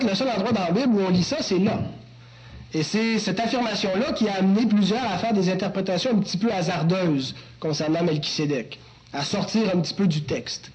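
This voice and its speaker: A man's voice: high-pitched, darkish tone, lo-fi sound. A man preaching an expository sermon, teacherly with joking asides to the congregation. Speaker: pastor.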